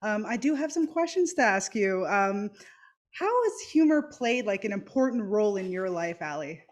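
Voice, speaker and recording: Female comedian as interviewer, mid-pitched, upbeat, quick to laugh, video call. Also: very animated. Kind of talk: casual conversation.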